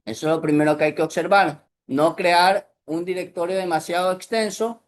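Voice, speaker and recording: A man, patiently explaining a software tutorial step by step over a screen recording. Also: high-pitched, fairly even intonation, moderate pace. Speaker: instructor.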